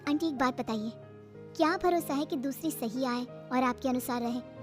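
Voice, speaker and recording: A woman voicing a timid young bride in a cartoon, soft and pleading. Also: high-pitched, normal speed, over music, lightly acted. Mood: worried. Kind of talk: cartoon voice acting.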